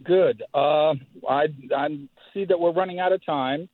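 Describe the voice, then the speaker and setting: An older man on a tinny phone line, speaking very slowly and haltingly, full of pauses and filler words. His voice sits a bit high for a man, and the line is dry and narrow. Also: no room sound. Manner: slow and halting, many fillers. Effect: heard over the phone. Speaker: call-in caller, retired teacher.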